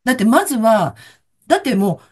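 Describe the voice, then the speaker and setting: Husky, lively woman. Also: fairly high pitch, fairly quick. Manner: animated storyteller who laughs often. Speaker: guest. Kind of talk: casual chat.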